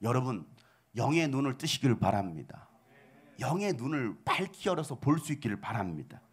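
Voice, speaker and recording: 열정적으로 설교하는 중년 남성 목사. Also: male voice, mid-range voice, moderate pace, breathy edge. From South Korea. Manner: animated preaching with rhetorical questions, sudden shouted outbursts. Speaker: pastor. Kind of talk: sermon.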